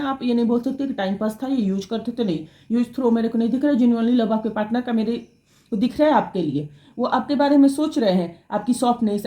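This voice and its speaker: A woman reads tarot cards at a quick clip, talking straight to her audience and often restarting her sentences. Her voice sits a little high and sounds mellow rather than bright. The room around her is noticeably echoey. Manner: rapid, self-correcting, addresses viewers directly. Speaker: tarot reader. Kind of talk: fast-paced tarot reading to camera.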